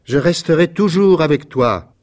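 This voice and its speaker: Storybook: man voicing a young male swallow, high, eager, tremulous, soft-hearted. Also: expressive, moderate pace, close to an everyday voice. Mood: tender pleading. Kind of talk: storybook reading.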